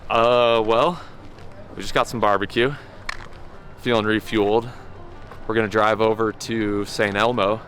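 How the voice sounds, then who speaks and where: A man with a fairly low voice recaps his race outdoors in an easygoing, self-mocking way, padding his sentences with fillers. He is still a little out of breath. Faint music sits quietly underneath. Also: fairly even intonation, measured pace, long pauses. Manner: laid-back, self-deprecating, many fillers. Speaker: pro mountain bike racer, vlog host. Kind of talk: casual post-race recap.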